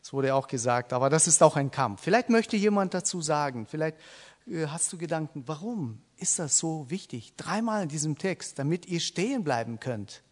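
A man delivers a sermon in a church hall, his voice sitting slightly high. He halts and restarts often, filling the gaps with hesitations, and turns questions out to the congregation. A long reverb from the hall hangs on every phrase. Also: lively intonation. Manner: halting, many fillers and restarts, asks the congregation questions. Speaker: preacher.

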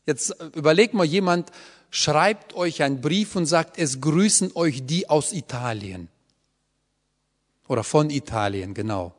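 Unhurried and lively in intonation, a man with a higher-leaning voice teaches Scripture to a group. He lays things out patiently, often turning to listeners with "ja?", in a space with lengthy hall reverb.

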